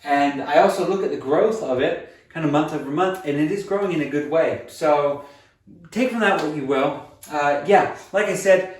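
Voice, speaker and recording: A man's voice: fairly high pitch, moderate pace, distant mic. Earnest young man in an echoey room. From USA. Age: 20s. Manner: earnest, upbeat, self-encouraging, many fillers and restarts. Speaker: vlogger. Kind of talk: casual weight-loss vlog. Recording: echoey room, voice off-mic at times.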